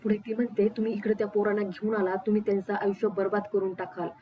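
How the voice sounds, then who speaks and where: A woman reads out a serial recap in a level, unvaried tone. Her pitch sits in the middle, and a faint hum of room ambience stays behind her voice. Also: level tone, fast, warm tone, poor audio. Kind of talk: scripted narration.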